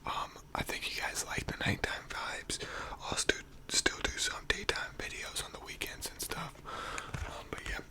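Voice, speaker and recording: An American teenager whispering a casual, rambling ASMR monologue, quiet as if late at night. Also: normal speed. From North Carolina, United States. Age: teenager, around 16 to 18. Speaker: ASMR video creator.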